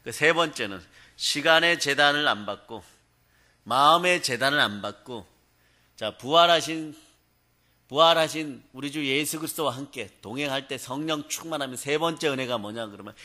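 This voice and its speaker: Bright-voiced pastor preaching a revival sermon. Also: male voice, fairly high pitch. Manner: storytelling, often asking the congregation for a response. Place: prayer hall.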